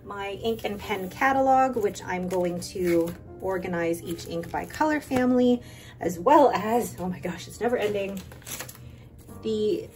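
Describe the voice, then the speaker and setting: Swatching inks, a stationery channel host of Filipino heritage chats with enthusiasm in a casual voice-over, drifting into rambling asides. She has a medium-pitched, darkish voice with lively intonation and a slightly slow pace. The voice-over was recorded separately, and soft music plays in the background.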